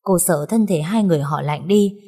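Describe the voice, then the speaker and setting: A woman narrating a dramatic story in a measured, somber way. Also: fairly low pitch, dark tone, slightly rough. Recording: long reverb.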